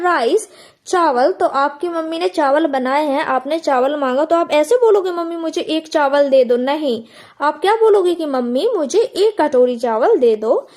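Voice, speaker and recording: High-voiced woman teaching grammar. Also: darkish tone. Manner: asks the listener questions and answers them herself, repeats key words; slows down and stretches out example phrases.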